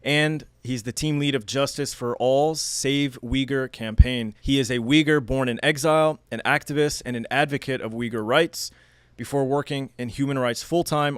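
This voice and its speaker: A man hosts a podcast in a studio, talking in a measured, earnest way. His voice sits at an ordinary pitch for a man. The sound is dry and close, with no room echo. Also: fairly even intonation, smooth. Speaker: podcast host. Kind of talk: podcast interview, read-out intro.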